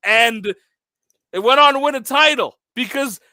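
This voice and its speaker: A man co-hosting a sports podcast, chatting casually as an excitable storyteller who makes quick asides. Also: extremely high pitch, no room sound, studio quality. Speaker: podcast co-host.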